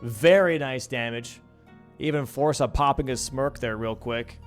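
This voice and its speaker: A young man casts a live video game match in an unhurried mid-range voice, with soft music in the background. His play-by-play is relaxed and slangy, and he chats with his stream audience between calls.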